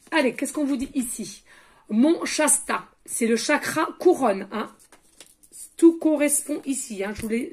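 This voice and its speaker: A woman's voice: high voice, background noise. A woman working as a medium, giving a chatty oracle card reading with frequent asides to her viewers, and dropping to a murmur when she asks the universe for messages.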